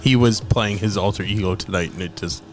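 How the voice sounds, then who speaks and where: A man with a somewhat low voice on a podcast panel, tossing in dry, understated remarks. Faint music plays underneath. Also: brisk. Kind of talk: casual chat.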